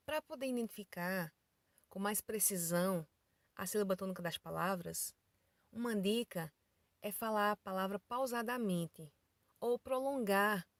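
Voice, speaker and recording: Brazilian lady teacher doing an online grammar lesson, bit of vocal fry, slow careful explaining, dry close sound. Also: medium pitch, no room sound. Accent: Brazilian Portuguese. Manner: slow, careful explanation, spelling out letters and examples.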